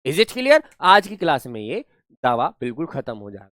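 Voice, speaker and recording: A man's voice: a little high, wildly swooping pitch, normal speed, fairly bright tone, no echo, studio quality. A man teaching English grammar in a live online class, explaining through playful rustic storytelling.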